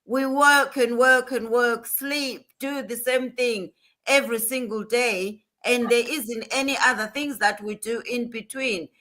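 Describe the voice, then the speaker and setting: A woman's voice: on the high side, sharp tone. A woman hosting a motivational livestream, talking in an earnest, emphatic way and repeating her points. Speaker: livestream host.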